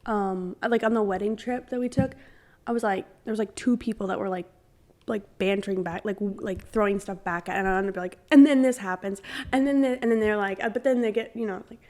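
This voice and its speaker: A young woman in a relaxed podcast chat, talking in long, rambling runs full of "like" and little acted-out quotes. Her voice sits at an ordinary middle pitch. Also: a little fast. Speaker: podcast co-host. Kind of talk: casual chat.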